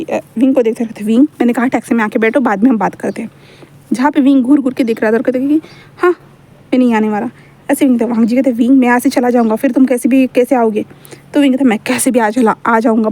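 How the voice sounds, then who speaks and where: A woman's voice: sits high, mellow. A woman narrating a fan fiction story in a chatty, casual way, voicing the characters' lines in her own voice. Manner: chatty, mixes English words into Hindi, acts out lines plainly.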